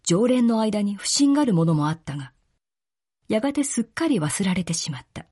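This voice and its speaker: A woman narrating a literary story in a calm, measured reading. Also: mid-range voice, breathy edge.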